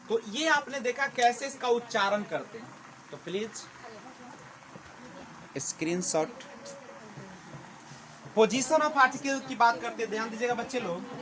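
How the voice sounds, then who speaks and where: Male English teacher, unhurried drawn-out classroom delivery, faint noise behind. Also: extremely high pitch, fairly bright tone, rough recording. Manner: quizzes the class, slow and drawn out. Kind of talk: classroom lecture. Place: classroom with students.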